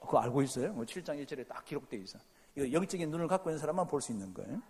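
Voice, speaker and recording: A middle-aged male pastor preaching a sermon, shifting between quiet asides and loud, emphatic declarations. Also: on the high side, animated, rapid-fire. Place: church sanctuary. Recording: long church reverb.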